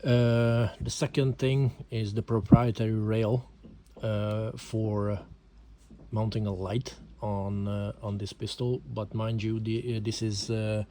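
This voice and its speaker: A man from Hungary, an amateur gun reviewer, explains a handgun hesitantly in English, his second language, with a Hungarian accent and lots of fillers in a casual home video. His voice is lowish and dark, flat in delivery, taken slowly, with slight background noise.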